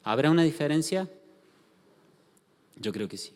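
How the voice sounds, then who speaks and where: A man's voice: fairly high pitch, lively intonation, measured pace, darkish tone. A man with an Argentine accent preaching a sermon, telling a story with acted-out dialogue and questions to the congregation. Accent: Argentine Spanish. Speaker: pastor. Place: church hall. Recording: long hall reverb.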